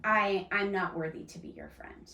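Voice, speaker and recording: A woman's voice: medium pitch, huge pitch swings, moderate pace, lo-fi sound, a crowd in the background. Woman host, earnest explainer, casual restarts, roomy echo, sits back from the mic. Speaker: podcast host. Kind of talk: casual faith-based discussion. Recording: echoey room, mic at a distance.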